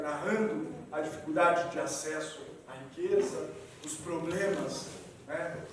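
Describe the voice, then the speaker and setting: Guy lecturing, high-ish voice, lively, big echoey hall from far off. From southern Brazil. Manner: animated, wide swings in pitch and loudness, frequent "né". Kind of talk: lecture to an audience. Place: meeting hall. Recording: echoey hall, distant mic, faint noise.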